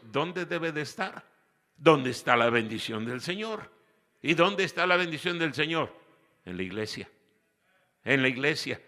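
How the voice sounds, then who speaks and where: A man's voice: a little high, pushed and bright, long reverb tail. A man preaching a sermon as pastor, with rhetorical questions and emphatic repetition. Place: church hall.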